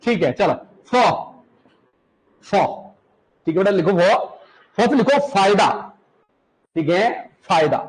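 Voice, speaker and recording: In a classroom lecture, a male teacher from the hills of Uttarakhand says words slowly and repeats them so students can copy, checking often that they follow. His voice is high and expressive, and the recording is rough.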